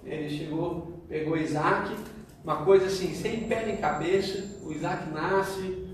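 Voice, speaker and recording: A man with a Brazilian Portuguese accent preaching a lively sermon, retelling the story with acted-out dialogue and laughing as he talks. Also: sits high, unhurried, a little hiss or hum. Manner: animated storytelling, laughs while telling. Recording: echoey hall, voice from far off.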